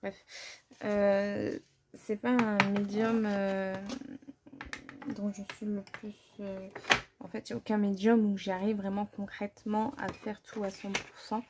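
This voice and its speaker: Against a noisy background, a woman talks in a level, unhurried, mid-range voice. She's an art vlogger swatching watercolors for a casual supply-haul video, chatty and self-deprecating, thinking out loud and making fun of herself.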